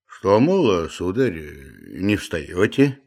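A man's voice: low voice, sing-song, very slow, a little mellow, exaggerated voice. A man voicing a stubborn old male manservant who coaxes and scolds with a drawling, muttering manner. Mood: coaxing, scolding.

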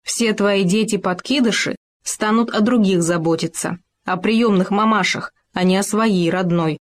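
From a storybook, a self-important little hamster lectures and scolds in a preachy, meddling way, as a woman puts him on. Her own voice stays at a middling pitch. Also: moderate pace, natural voice. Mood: lecturing.

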